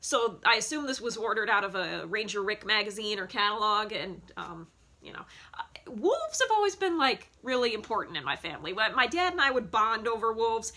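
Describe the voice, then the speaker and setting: A woman's voice: mid-range voice, very animated, fairly quick, pushed and bright. A woman in her thirties chatting casually about childhood keepsakes, rambling with lots of fillers and restarts, recorded on a phone in a home basement. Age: 30s. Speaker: vlogger. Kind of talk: casual nostalgic show-and-tell.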